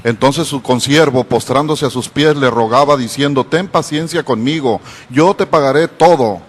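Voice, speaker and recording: A man reading a scripture passage aloud in a steady, formal way. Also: mid-range voice, normal speed. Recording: long hall reverb.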